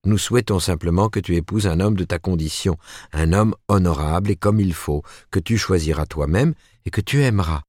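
A man's voice: low voice, a little fast, darkish tone, no echo, clean studio sound. A man doing a stern, proper middle-aged mother. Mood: coaxing. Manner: admonishing, rising emphatically. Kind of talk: audiobook character reading.

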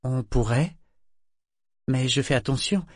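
A man voicing a young woman who speaks softly and hesitantly, her voice raised above his own. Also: medium pitch, measured pace, dry recording, clean studio sound, voice pushed up, lightly acted. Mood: hushed. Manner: soft, hesitant and breathy. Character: young woman, shaken and yielding.

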